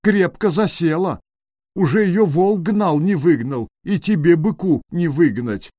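Weepy little storybook hare, voiced by a man: high, plaintive, pleading. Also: a little slow, dark tone, no echo, studio quality.

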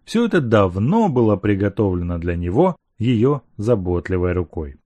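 A man reading a classic novel aloud as an audiobook narrator, with expressive storytelling. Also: fairly low pitch, normal speed, no room sound. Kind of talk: scripted narration.

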